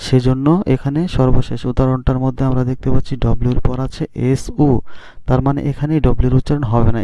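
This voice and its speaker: A man's voice: mid-range voice, mellow, dry recording. A man teaching an English reading lesson to students. He spells words letter by letter and keeps asking the class how to say them. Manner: spells out letters slowly and asks students questions. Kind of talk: classroom lesson on phonics rules. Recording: dry, dull lo-fi sound.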